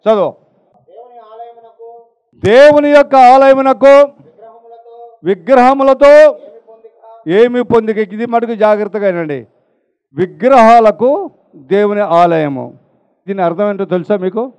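A man preaching a sermon, firing rhetorical questions and swinging between loud emphasis and hushed asides, urging the congregation to applaud. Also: high-pitched, takes it slowly, pauses often, smooth, dull audio.

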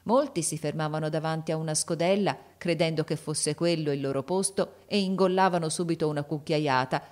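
Woman audiobook narrator, lowish voice, expressive classic-novel reading. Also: brisk. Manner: expressive reading, voicing the characters' shouts.

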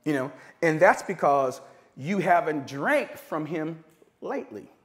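Middle-aged pastor with a high voice, preaching casually and acting out little scenes for laughs. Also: male voice, lively intonation, unhurried, fairly bright tone. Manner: conversational preaching with comic asides and acted-out dialogue. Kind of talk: sermon.

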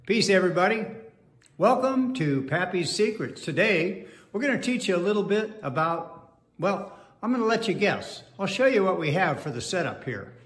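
This is a very animated, high-sitting voice at normal speed: a sixty-something host clowning through a how-to demo in his hallway at home. He rambles, jokes and leans on fillers, and his wireless earbuds pick up the hallway's echo and some faint noise.

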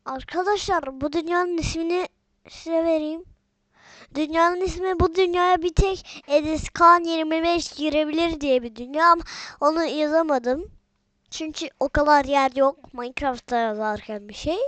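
A woman's voice: high voice, steady tone, moderate pace, a bit bright, no room sound. A woman giving casual, chatty gameplay commentary from home, often addressing viewers as friends. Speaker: gaming video maker.

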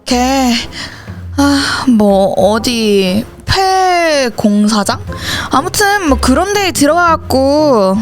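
A woman's voice: sits high, big pitch swings, very slow. A woman voicing every teenage schoolgirl character in a school horror story, switching between them in dialogue. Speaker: channel host and voice actor.

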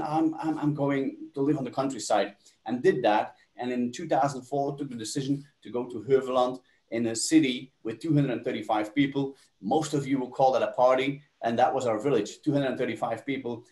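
A Belgian man tells his story at a webinar via video call from his home office, hesitating slightly here and there. He speaks briskly in a mid-range, darkish voice, with reverberation around him.

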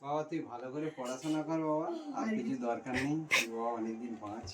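A man gently and affectionately blessing a child at a family gathering. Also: mid-range voice, fast talker, very noisy. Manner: gentle, affectionate, soft-spoken. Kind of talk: casual family talk. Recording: echoey room, voice from a distance.

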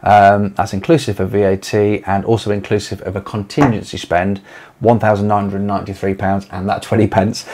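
Low-voiced English man rambling at desk. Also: darkish tone. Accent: English, East Midlands. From England. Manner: rambling, filler-heavy, restarts often. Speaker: letting agency owner. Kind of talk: casual walkthrough to camera. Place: small home office, indoors.

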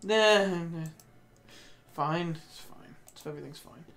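A man voicing a poised, smug high-school girl during a let's play. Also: unhurried, fairly bright tone.

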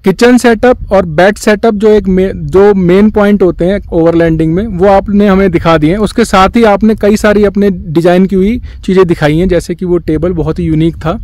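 A man with a high voice asks polite, appreciative questions in an interview. His tone is mellow and dark rather than bright. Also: fairly even intonation, normal speed, few pauses, no room sound.

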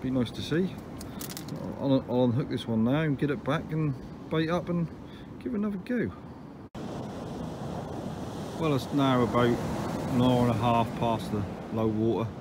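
A man's voice: mid-range voice, animated, measured pace, pauses often. A man giving a casual, down-to-earth running commentary as he fishes from an open beach, filming on a phone he holds himself, with dry little grumbles along the way. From England. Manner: chatty, down-to-earth, matter-of-fact with dry grumbles. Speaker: angler filming his own fishing trip. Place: open beach by the sea, outdoors. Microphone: phone camera held by the speaker. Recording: outdoor phone recording with wave noise. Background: surf and wind.

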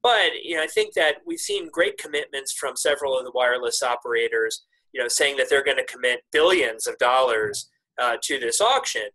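A man in his thirties, an industry analyst, answering questions in a remote video interview from his office, measured with frequent restarts and emphatic pitch rises. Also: lively intonation, pushed and bright, rough recording. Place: office with wooden cabinets. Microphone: webcam video call.

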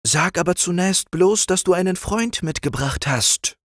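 A man voicing a timid, eager young frog king in a storybook reading, in a raised, excited voice. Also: high-pitched, a little slow, no room sound, studio quality, pitched above the performer's own voice.

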